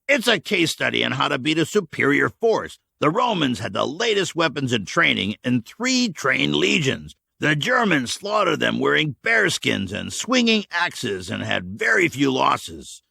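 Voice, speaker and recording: A man voicing an older man who eagerly lectures on battle history, in a gravelly, husky voice. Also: fairly high pitch, a little slow, few pauses, no echo, clean studio sound, pitched above the performer's own voice, exaggerated voice. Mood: lecturing. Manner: excited, lecturing.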